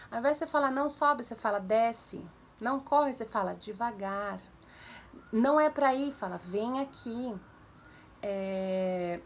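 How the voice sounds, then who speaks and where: A young woman casually giving parenting advice to viewers, animated, acting out commands in a raised voice. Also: on the high side, a little hiss or hum. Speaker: mother sharing parenting tips.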